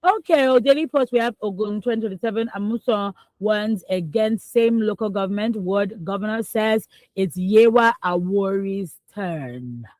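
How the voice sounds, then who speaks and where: A young Nigerian woman co-hosts a radio newspaper review from the studio, reading out headlines and then offering emphatic, exclamatory opinions with laughter between points. Her voice sits at a medium pitch and moves at a normal speed. The recording has no echo but is low in quality.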